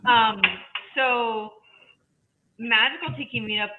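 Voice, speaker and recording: A woman's voice: a little high, slow, very noisy. Chatty woman on a tinny call line. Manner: chatty, rambling. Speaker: guest, event organizer. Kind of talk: casual chat.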